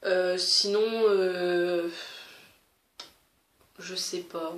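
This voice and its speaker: A woman's voice: fairly low pitch, flat delivery, extremely slow. A woman vlogger chatting casually to camera as she answers a question tag, hesitant, with many fillers and restarts. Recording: roomy echo.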